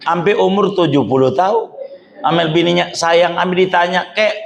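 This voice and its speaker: Using casual Jakarta slang and plenty of jokes, a man teaches an Islamic study session to a gathering. His high voice is creaky and moves at normal speed, and the lo-fi audio has a little hiss or hum.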